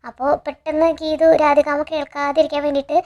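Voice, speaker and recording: A woman's voice: high voice, little pitch movement, a little mellow, highs cut off. A woman retelling a TV serial episode in a chatty, eager way, quoting the characters' lines as she goes. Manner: chatty, tags sentences with a friendly filler; quick, eager storytelling with quoted dialogue. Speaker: TV serial recap narrator.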